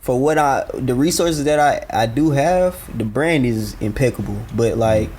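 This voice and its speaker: A man of twenty, a fashion brand founder, talking as a guest in a relaxed, slangy podcast chat full of fillers. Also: medium pitch, normal speed, slight background noise. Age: 20s. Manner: laid-back slang, many fillers.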